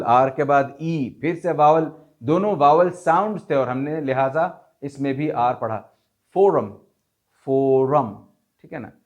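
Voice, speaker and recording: A man teaching English pronunciation in Hindustani, explaining slowly, repeating example words and spelling them out letter by letter. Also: a little high, highs cut off. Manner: Urdu-leaning Hindustani vocabulary. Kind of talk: spoken lesson.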